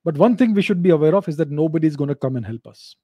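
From his home study, a middle-aged man hosts a live video chat Q&A on geopolitics, answering callers' questions in a steady, measured, explanatory way and repeating key points. His voice is a little high for a man, slightly rough, with a mellow, dark colour. A close studio mic on a boom arm keeps the sound dry, with almost no room sound and no echo.

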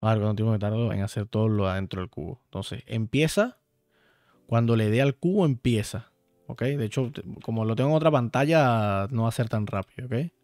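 A man's voice: lowish voice, a little fast, darkish tone, no echo. Playful, profane male game streamer. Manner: profane, playful, talks to chat directly. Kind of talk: casual live-stream chat while playing. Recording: dry sound, faint background music.

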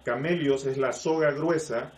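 A man's voice: mid-range voice, unhurried, a little mellow. A man, a life coach, giving a live-streamed talk to online viewers, explaining with rhetorical questions and greeting viewers by name. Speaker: life coach and spiritual teacher. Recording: echoey room, voice from a distance.

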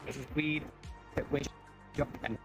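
A guest streamer talking casually over a phone voice chat whose audio keeps cutting in and out, speaking haltingly and trailing off mid-sentence. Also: mid-range voice, fairly even intonation, music in the background. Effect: choppy audio cutting in and out, like a loose connection.

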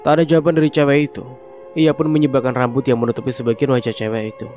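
A man narrating a scripted story with steady, even delivery. His voice sits at an ordinary middle pitch, and soft music plays faintly behind him. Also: rapid-fire.

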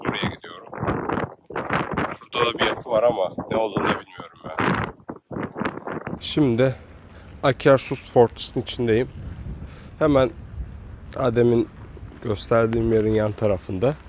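A man of medium pitch speaks at normal speed with long pauses while vlogging his walk around a windy seaside city outdoors. He's casual, chatty, and slangy, calling out his reactions to the sights.

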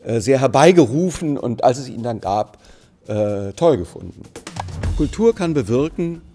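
His warm, medium-pitched voice swings widely in pitch at a moderate pace, with faint music in the background. He is a middle-aged German actor from Berlin, lightly accented, being interviewed on camera for a museum anniversary. Sitting in a plain, bright studio in a mid-shot, he answers thoughtfully, groping for words through fillers and restarts.

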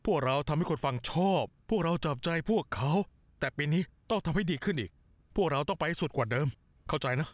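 A busy producer type, brisk and hurried, kinda high voice, dry sound. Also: male voice, animated, no room sound. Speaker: voice actor in a Thai dub of a drama. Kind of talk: dubbed TV drama acting.

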